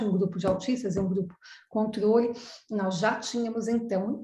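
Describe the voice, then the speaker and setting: A woman's voice: mid-range voice, darkish tone, echoey room. A middle-aged Brazilian woman giving an online lecture to professionals, explaining things step by step and answering her own questions. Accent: Brazilian Portuguese. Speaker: psychoanalyst lecturer. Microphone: video call.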